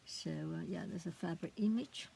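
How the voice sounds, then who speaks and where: A woman's voice: on the low side, moderate pace, gravelly, a little mellow, slight background noise, low-quality recording. A middle-aged woman, a craft vlogger, chatting casually as she shows a handmade book, often hesitant and searching for words.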